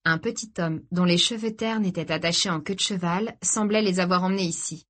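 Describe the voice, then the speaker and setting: A woman narrating a novel in a calm, measured reading voice. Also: lowish voice. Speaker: audiobook narrator. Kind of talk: scripted narration.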